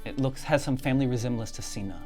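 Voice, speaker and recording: A game master hosting and narrating a live tabletop role-playing game in a dramatic, halting way. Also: mid-range voice, a little mellow, faint music behind. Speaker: game master and show host.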